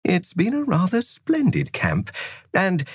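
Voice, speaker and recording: A man voicing a cheerful, calm and whimsical male teacher with a genteel, jolly manner. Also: high-pitched, slow, breathy edge, no room sound, clean studio sound, pitched above the performer's own voice, full character voice.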